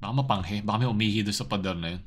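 A man's voice: lowish voice, very fast, slight background noise. A young Filipino man giving playful, jokey commentary while playing a horror game, bursting into yelps. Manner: jokey, talks to the game, sudden screams. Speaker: gaming YouTuber.

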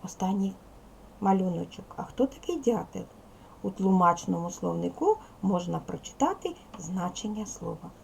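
A woman's voice: lowish voice, lively intonation, normal speed, vocal fry, a little hiss or hum. A woman teaching a recorded lesson to young schoolchildren, patient and step by step, counting aloud and speaking to them as little ones. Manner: addresses pupils as little children. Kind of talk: recorded video lesson for second graders.

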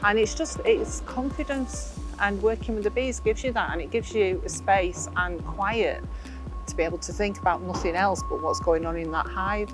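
A middle-aged woman, a beekeeper being interviewed outdoors, talking in an earnest, animated way. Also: medium pitch, normal speed, over music. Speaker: volunteer beekeeper. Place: outdoors, garden. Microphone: lapel.

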